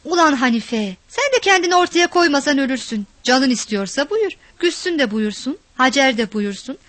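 A woman voicing a brisk, bossy village man giving orders in a read story. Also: high-pitched, animated, fairly bright tone, dry recording. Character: bossy village man, gruff and rough-spoken.

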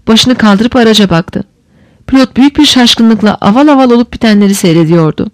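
A woman reading a novel aloud in steady, measured audiobook narration. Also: a little high, dry recording.

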